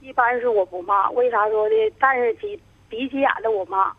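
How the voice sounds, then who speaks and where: A woman, calling in to a radio show and talking in a halting, rambling way. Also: high-pitched, sing-song, creaky, no echo. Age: 50s. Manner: halting, rambling, stumbles over words. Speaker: caller. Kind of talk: radio call-in, telling her troubles. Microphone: telephone. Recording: tinny dry phone line.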